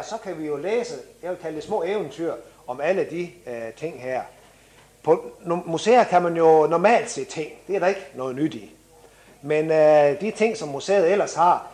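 A man's voice: a little high, darkish tone. A man speaking at an exhibition opening, reflective, with hesitations, who reads aloud from a children's book. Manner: reflective, with fillers and restarts. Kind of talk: speech with a read-aloud story.

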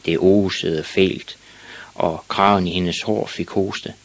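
A man reading a children's story aloud in a steady, plain storytelling manner. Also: low voice. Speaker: audiobook reader. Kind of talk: storybook narration.

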